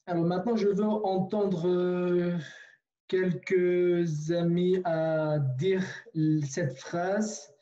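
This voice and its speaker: A man's voice: high-pitched, steady tone, extremely slow, dark tone, lo-fi sound. A man teaching a language online in a patient way, repeating himself with many fillers and restarts, over a video call.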